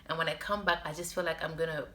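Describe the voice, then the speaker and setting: Young female vlogger, sore throat, lowish bright voice, chatty and expressive storytime delivery. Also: quick pace. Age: young adult. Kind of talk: casual personal storytime to camera.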